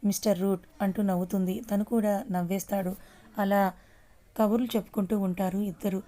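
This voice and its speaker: A woman's voice: mid-range voice, fairly even intonation, moderate pace, warm tone. A woman with a Telugu accent reading a serialized story aloud, voicing every character's lines in her own voice.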